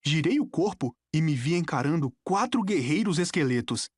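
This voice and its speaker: Woman narrator with a Brazilian accent, deep and very lively, dramatic audiobook reading. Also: moderate pace, husky, no room sound, clean studio sound. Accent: Brazilian Portuguese. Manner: dramatic, expressive storytelling. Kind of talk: scripted narration.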